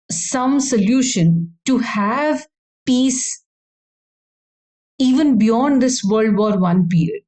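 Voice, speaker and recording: A woman with an Indian English accent teaches a law lesson in a mellow, warm-toned voice. She explains step by step, circling back to restate each point. Her pitch sits in an ordinary middle range. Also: rough recording. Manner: explanatory, repeats and rephrases points. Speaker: law lecturer. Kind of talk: educational lecture.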